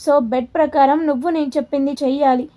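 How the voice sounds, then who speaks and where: A man's voice: very high-pitched, steady tone, fast, dark tone. A woman voicing a bossy, teasing young man who orders a woman around after winning a bet, in a commanding, mocking way.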